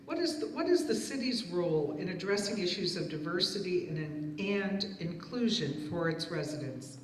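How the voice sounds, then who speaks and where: A woman's voice: fairly low pitch, expressive, normal speed, a little hiss or hum. A woman moderating a candidate forum, formally reading out questions. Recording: echoey hall, mic far off.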